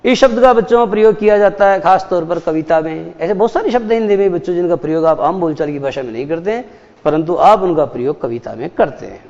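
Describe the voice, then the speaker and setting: A man teaches a class, stopping often to quiz his students and repeat key points. His voice sits high. The recording is muffled and rings with a long reverb. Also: expressive, quick pace, darkish tone. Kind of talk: classroom lecture. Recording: dull echoey hall.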